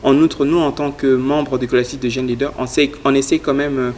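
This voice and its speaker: A young adult man from Congo explains his youth leadership project as a guest in a studio interview, earnest, flat and even in tone, with frequent fillers. His medium-pitched voice is brisk, with a little hiss or hum.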